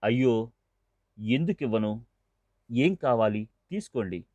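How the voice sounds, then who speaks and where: A man's voice: expressive, takes it slowly, a little mellow, no echo. A man reading the part of a weeping, remorseful male devotee who pleads desperately, in a dull, dry recording. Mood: anxious. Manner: pleading, sobbing, higher and strained.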